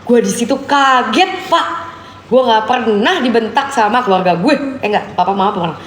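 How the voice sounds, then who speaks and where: A woman's voice: on the high side, animated, normal speed. A young woman, telling a personal story on a casual live stream and acting out the dialogue. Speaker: guest storyteller. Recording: echoey room with faint background noise.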